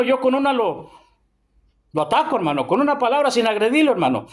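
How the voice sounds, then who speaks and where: A Mexican preacher in middle age, his voice sitting high for a man. He teaches in call-and-response, throwing questions out to the congregation and ending almost every phrase with "brother." When he reads scripture he slows down, drawn out and emphatic. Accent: Mexican Spanish. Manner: call-and-response, tags lines with "hermano"; slow emphatic verse reading. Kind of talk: church sermon teaching.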